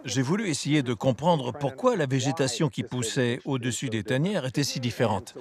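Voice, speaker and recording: A man speaking as a wildlife researcher, giving measured, articulate explanations for a documentary. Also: medium pitch, animated, crowd noise.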